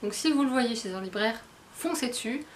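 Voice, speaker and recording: A woman's voice: on the high side, animated, brisk, slight background noise. A tired woman, chatting casually at home as a book vlogger, rambling and poking fun at her own slips. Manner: rambling, self-mocking, stumbles over words. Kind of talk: casual book haul vlog. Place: at home, indoors.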